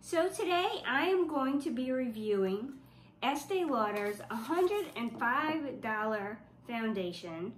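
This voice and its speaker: A beauty vlogger from South Louisiana gives a casual makeup review, her voice stuffy and congested from the flu. She reads the product claims aloud in a wry, skeptical way. Her fairly high, expressive voice moves slowly, and the recording sounds roomy.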